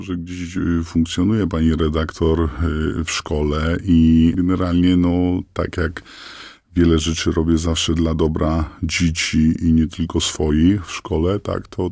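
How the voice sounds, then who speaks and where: Disguised deep gravelly man, halting. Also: level tone, darkish tone, no room sound, clean studio sound. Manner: halting, many fillers and restarts. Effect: voice disguised, pitched down. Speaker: anonymous father interviewed on radio. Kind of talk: hesitant interview answers.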